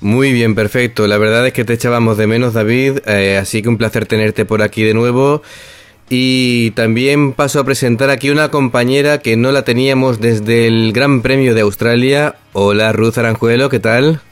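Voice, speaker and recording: A man from hosting a casual sports talk show, speaking haltingly with frequent filler sounds. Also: mid-range voice, fairly even intonation, smooth. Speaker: podcast host. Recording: music bed behind the voice. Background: music.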